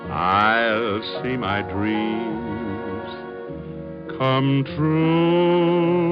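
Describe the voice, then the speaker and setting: Richard Diamond, quick-witted wisecracking radio detective. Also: male voice, medium pitch. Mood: crooning, romantic. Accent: American. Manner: flip, tossed-off wisecracks. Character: wisecracking male private detective, flirtatious, breezily cool. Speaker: actor in lead role. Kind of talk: 1940s-50s radio detective acting, with crooning. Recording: dull vintage radio recording with music.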